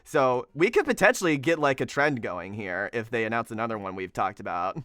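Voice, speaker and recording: Bright-voiced excitable male host. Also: medium pitch, brisk, clean tone, no echo, clean studio sound. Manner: excitable, laughing often. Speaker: reaction channel host. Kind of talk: casual group reaction chat.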